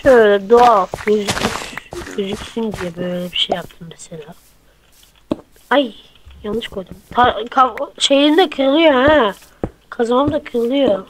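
Unhurried and chatty, this let's-play host walks viewers through her build in a fairly high voice, tallying blocks and fixing her own mistakes as she goes. A constant hiss sits beneath her words, with clicks layered on top.

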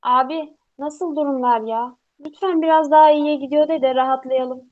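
A woman's voice: high voice, fairly even intonation, moderate pace, lightly acted. A woman playing a familiar, chatty younger sister in a radio drama. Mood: concerned. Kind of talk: Turkish radio theatre acting. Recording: slightly dull, lo-fi sound.

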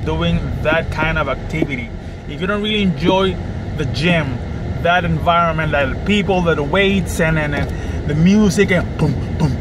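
Slow-talking trainer man in a car. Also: fairly high pitch. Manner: slow, thoughtful, gestures with hands. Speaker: personal trainer. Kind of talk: casual talk to camera. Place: parked car, indoors. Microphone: camera on the dashboard. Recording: car interior with clear air-conditioning hum.

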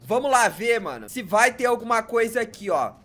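A young man with a Brazilian accent giving casual gameplay commentary, exasperated and loud, full of slangy filler words. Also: very high voice, sing-song, normal speed. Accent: Brazilian Portuguese. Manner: exasperated, complaining about bugs. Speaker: gamer.

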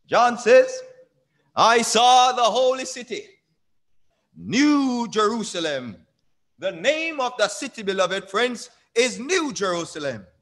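A man's voice: sits high, a bit bright. A young man preaching a sermon from a church pulpit, drawing out key words and quizzing the congregation. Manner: call-and-response preaching, drawn-out emphatic lines, asks the congregation. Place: small church sanctuary at a pulpit. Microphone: pulpit microphone on a stand.

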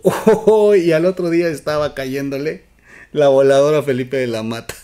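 A man with a Mexican accent hosting a political commentary show, emphatic, with loud outbursts and quiet asides. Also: a little high, moderate pace, clean tone. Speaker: news commentary host.

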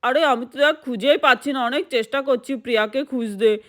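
High bright woman telling a doll story. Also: a little fast. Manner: lively, plays every doll's voice. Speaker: storyteller voicing dolls.

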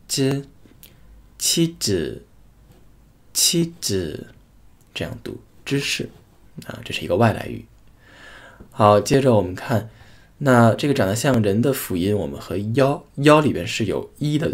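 Husky-voiced man teaching pronunciation. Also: medium pitch, a little mellow. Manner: repeats each sound twice, slow drawn-out demonstrations. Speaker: language teacher. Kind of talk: pronunciation lesson.

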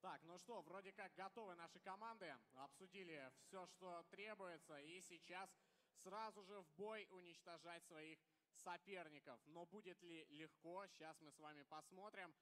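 A young man does live esports commentary on a headset mic. He has a notably high voice for a man, with the lingering reverb of a large hall around it. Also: moderate pace, fairly bright tone. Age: young adult. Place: caster desk on stage in large indoor arena.

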